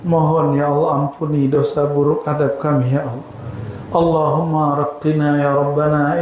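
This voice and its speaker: A man's voice: a little high, noisy background. A middle-aged man leading a fervent, pleading prayer with repeated invocations at a religious study evening. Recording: very echoey hall, faint ambience.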